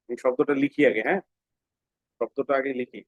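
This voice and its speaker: A man teaching English phonics to children in a classroom, patiently asking questions and then answering them himself, and repeating words slowly. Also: medium pitch, no echo. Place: classroom with students. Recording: dull, dry lo-fi sound.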